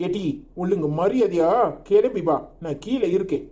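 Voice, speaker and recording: Woman doing a cartoon son, lowered voice, Tirunelveli accent, curt orders, a bit off-mic. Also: animated, normal speed, warm tone, lightly acted. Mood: stern. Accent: Tirunelveli Tamil. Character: stern grown son, man.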